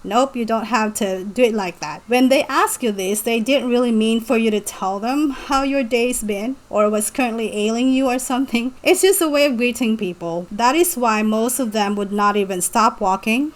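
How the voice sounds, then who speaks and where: A young woman from the Philippines talks through a numbered list of tips, steady and instructive. Her voice sits a little high, and she sounds as if she is reading from a script. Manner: measured, instructive, list-like delivery. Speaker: vlogger, former exchange teacher.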